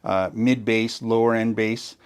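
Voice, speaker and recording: Speaking with a lowish, clean voice at a measured pace and a flat delivery, a gear demonstrator leads a step-by-step walkthrough of setting up a sound system. He's enthusiastic in explaining and often underlines the very important points.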